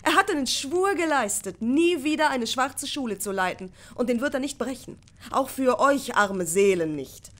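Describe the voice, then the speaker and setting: A woman's voice: high voice, lively intonation, normal speed, a bit bright, voice pushed up. A woman voicing a proud, scornful young woman in an audiobook, speaking dismissively.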